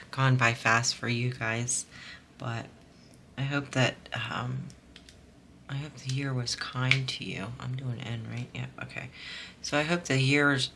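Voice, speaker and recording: A woman with a slightly hoarse, scratchy throat, chatting casually and softly while she works on a craft project. She rambles, with lots of fillers and restarts. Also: a bass voice. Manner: soft-spoken and rambling, with many fillers and restarts. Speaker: diamond painting vlogger.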